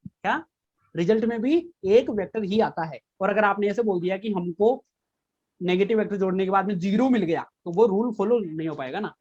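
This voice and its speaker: A man's voice: sits high, a little fast, a little mellow, slightly rough, muffled recording. Repetitive quizzing male physics teacher. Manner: repeats key points, quizzes students with questions. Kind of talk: live online class lecture.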